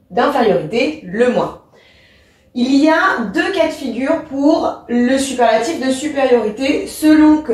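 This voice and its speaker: A woman with a French accent teaches grammar slowly and patiently, walking through each point step by step. Her voice sits a little high. It is recorded from some distance in a very echoey room. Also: darkish tone. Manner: clear, patient step-by-step explaining. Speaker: English teacher. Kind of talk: explaining a grammar lesson.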